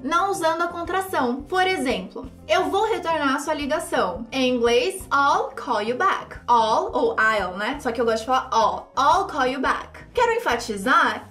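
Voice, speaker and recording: A high-pitched woman with a Brazilian Portuguese accent gives an upbeat English lesson. She talks in an animated way and slows right down whenever she models an English phrase. Soft music runs underneath her voice. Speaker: English teacher.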